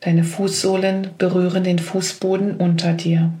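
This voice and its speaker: Woman doing a guided meditation, low-ish voice, very slow and even. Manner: slow, gentle spoken instructions.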